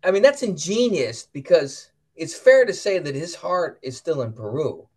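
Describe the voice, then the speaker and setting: An American man co-hosting a casual talk show, animated and playful, acting out quotes. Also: fairly high pitch, normal speed, husky. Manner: animated, playful, acts out quotes in silly voices. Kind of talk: casual chat.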